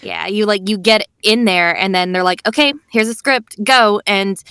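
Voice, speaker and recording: Appearing as a guest on a laid-back podcast, a young voice actress talks animatedly, peppering her speech with many "like"s and "you know"s. The close, dry recording has no room sound and captures her clear, resonant, mid-pitched voice at an ordinary pace.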